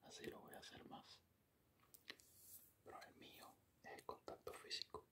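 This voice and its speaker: Man in soft whispered role-play, doting boyfriend. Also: normal speed. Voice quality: soft, breathy, unvoiced whisper. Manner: tender, intimate, complimentary. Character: affectionate, doting boyfriend murmuring sweet praise. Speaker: ASMR performer playing a boyfriend. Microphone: close-up microphone, at the ear.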